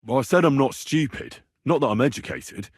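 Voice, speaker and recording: Henry, an earnest, stubborn game hero, lively intonation. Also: male voice, medium pitch, fairly quick, breathy edge, no echo, clean studio sound. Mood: questioning. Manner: earnest, plain-spoken, probing. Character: Henry, stubborn, earnest young man investigating murders. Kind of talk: video game character dialogue.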